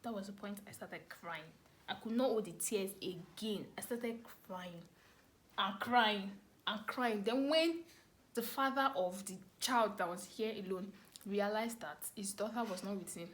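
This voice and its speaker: Her mid-range voice moving a little slowly, a young adult woman with a Nigerian accent tells the camera a personal story. As a vlogger and storyteller, she is casual and expressive, leaning on repeated phrases for emphasis.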